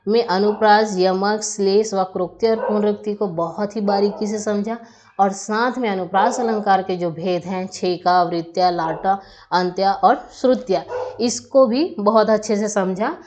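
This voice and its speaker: A woman's voice: mid-range voice, a little mellow. A woman teaching a Hindi grammar lesson, explaining patiently step by step and asking rhetorical questions.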